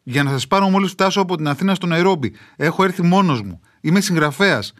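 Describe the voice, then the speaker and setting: A male author reads his own travel memoir aloud, wry and measured, letting dramatic pauses hang. His voice sits slightly higher than most men's. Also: lively intonation, fairly bright tone. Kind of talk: literary storytelling.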